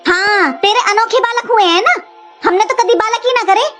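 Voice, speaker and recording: A woman voicing Hindi cartoon family comedy dialogue, in a sharp scolding way. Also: very high-pitched, moderate pace, music in the background. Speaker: cartoon voice artist doing all family roles.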